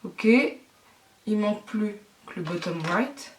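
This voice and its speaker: A woman from France, a beauty vlogger at home, chatting casually to her viewers, flustered and excitable, swearing and talking through each step. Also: mid-range voice, slow, distant mic. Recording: echoey room, speaking away from the mic.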